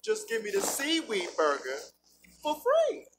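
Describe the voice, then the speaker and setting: A man's voice: high voice, wildly swooping pitch, noisy background, exaggerated voice. A man voicing an indecisive, wheedling young customer in an improvised cartoon comedy, hesitant, repetitive and slangy. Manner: hesitant, repetitive, drawn-out stalling.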